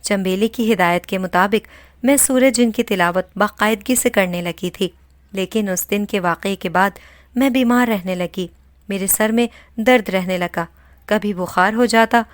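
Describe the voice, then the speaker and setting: A woman reading a dramatic first-person story in a steady storytelling voice. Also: medium pitch, dry recording, studio quality.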